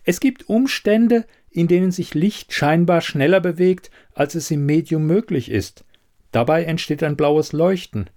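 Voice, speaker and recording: A man voicing an impatient, sharp-tongued woman investigator in a read-aloud story, with curt, pointed questions. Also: a little high, a little slow, pitched above the performer's own voice. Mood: explaining.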